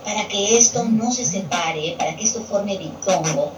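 A woman's voice: medium pitch, normal speed, recorded from a distance. A woman teacher explaining grammar to students, patiently repeating key terms. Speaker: Spanish language teacher. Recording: echoey room picked up from afar with television noise.

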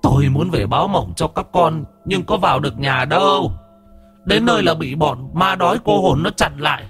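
A wailing old ghost, high and pained. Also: male voice, lively intonation, moderate pace, fairly bright tone, slightly rough, soft background music, exaggerated voice. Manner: moaning, pleading.

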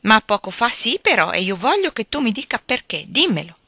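Brute lord, drunk and bellowing, loud and harsh, read by a woman. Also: fairly high pitch, big pitch swings, a little fast, no echo, clean studio sound, exaggerated voice. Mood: shouting. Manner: loud, shouting, coarse. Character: brutish drunken bellowing young nobleman.

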